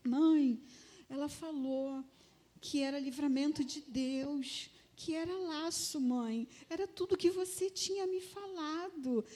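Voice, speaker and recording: A woman's voice: fairly high pitch, slow pace, mellow. A woman voicing her sixteen-year-old daughter, moody and emotional, whiny at times and tearful and earnest at others.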